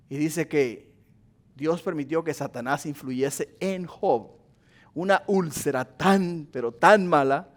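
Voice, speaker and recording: Impassioned, high-voiced male pastor preaching. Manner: impassioned preaching, rising in pitch and volume on repeated pleas; addresses the congregation as brothers and sisters. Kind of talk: sermon.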